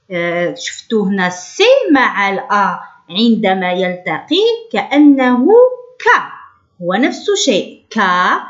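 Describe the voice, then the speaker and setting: A woman teaching young children a French phonics lesson, drawing out sounds slowly. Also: medium pitch, dull audio. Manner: slow, drawn-out pronunciation drills. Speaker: primary school teacher.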